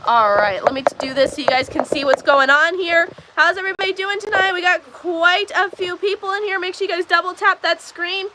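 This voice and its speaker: A woman from Texas, hosting a casual livestream, answers viewer questions and chats as she coaxes cows in a barn's milking stall on her farm. She talks briskly at an extremely high pitch with hardly any pauses, over background noise.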